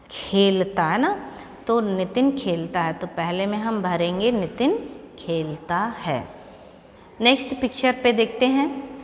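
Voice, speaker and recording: A woman teacher giving a slow, patient classroom explanation. She asks questions and then answers them herself. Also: medium pitch, long reverb tail, slight background noise.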